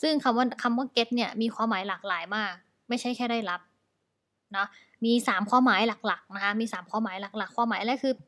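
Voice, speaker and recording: Woman, Thai accent, somewhat high voice; casual online English teacher going over vocab one by one. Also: fast talker, fairly bright tone. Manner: explains in Thai, mixing English words, with many particles.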